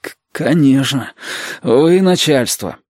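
A man's voice: on the high side, expressive, unhurried, a little mellow, dry recording, clean studio sound, pitched above the performer's own voice. A man reading an audiobook and playing a shivering, hard-drinking barge sailor who talks through chattering teeth and stammers as he grumbles. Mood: grumbling. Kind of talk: audiobook character voice.

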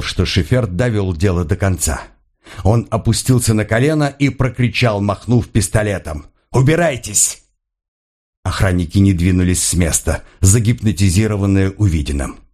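A man narrating a thriller audiobook in a steady, grave storytelling manner. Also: lowish voice.

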